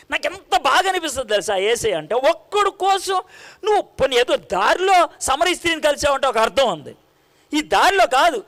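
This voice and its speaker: A man preaching a sermon in an animated, conversational way, full of rhetorical questions to his listeners. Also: very high-pitched.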